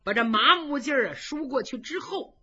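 A woman storyteller narrating a traditional tale with expressive, dramatic delivery, on a dull lo-fi recording. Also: sits high, moderate pace, slightly rough.

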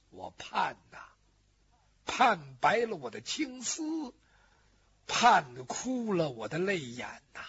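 A man voicing a husky grieving mother. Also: sits high, fairly bright tone, exaggerated voice. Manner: lamenting, drawn-out sung-like phrasing. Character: grieving middle-aged mother, abandoned wife. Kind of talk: storytelling performance in first person. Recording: dull lo-fi recording.

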